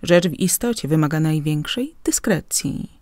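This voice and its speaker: A woman reading a smooth, patronizing uncle. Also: low voice, expressive, moderate pace, darkish tone, no echo. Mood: conspiratorial. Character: worldly ironic middle-aged uncle, man. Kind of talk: audiobook character reading.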